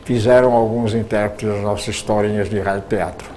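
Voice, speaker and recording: An older man with a warm, lowish voice looks back on his years in radio drama in an interview, speaking fairly quickly with fairly even intonation. There's a little hiss or hum, and he often stumbles and repeats words.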